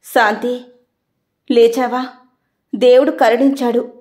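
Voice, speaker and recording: A woman's voice: a little high, steady tone, slow pace, darkish tone. A woman reading the part of a remorseful older husband who pleads for forgiveness in an audiobook story. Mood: remorseful pleading. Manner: pleading, apologetic.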